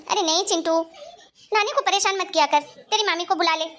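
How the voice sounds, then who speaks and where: A woman voicing a sharp-tongued grandmother and mother-in-law in a cartoon story, bossy and taunting. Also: very high-pitched, a little fast. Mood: coaxing.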